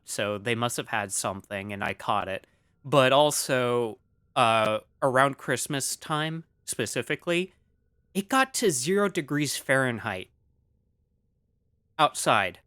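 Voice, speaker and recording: A man's voice: mid-range voice, bright, forceful tone, smooth, dry recording, studio quality. A man streaming casually, rambling with many fillers as he reads chat aloud, still coughing after an illness.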